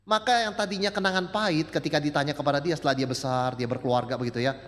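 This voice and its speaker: A male pastor preaching a sermon, telling stories and shifting between loud, high emphasis and soft, low asides as he addresses the congregation. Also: fairly even intonation, fast. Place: church sanctuary. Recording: long church reverb.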